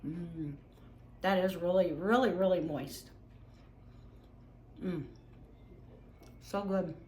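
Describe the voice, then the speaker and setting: A woman hosting a casual home vlog, chatty and relaxed with many ums. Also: fairly low pitch, slow pace, a little hiss or hum. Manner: talks while tasting, mouth full. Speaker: home cooking vlogger. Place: home kitchen and growing room. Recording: roomy home echo.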